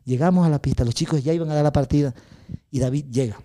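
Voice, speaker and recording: A man with an Ecuadorian accent tells a story in an interview, coaching talk full of acted-out dialogue. He talks fast, and his voice sits a little high but sounds very dark and mellow. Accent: Ecuadorian Spanish. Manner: acts out dialogue, laughs often, quick and lively. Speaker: athletics coach.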